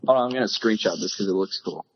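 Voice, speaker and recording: Man talking fast over an echoey speakerphone. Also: low voice, breathy edge, dull audio. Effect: heard over an iPad speakerphone call. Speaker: podcast co-host calling in.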